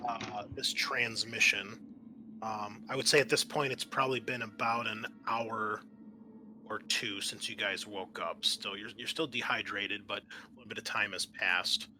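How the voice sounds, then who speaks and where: Acting as game master for a tabletop game, a man with a mid-range voice improvises narration in a halting, conversational way.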